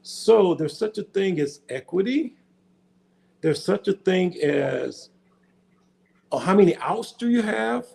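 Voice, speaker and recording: An older man from the United States who talks as a podcast guest, with a gravelly, creaky voice that sits a little high. He rambles, repeating and restarting words as he goes. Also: expressive, slow pace, pauses often, a little mellow. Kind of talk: casual interview chat.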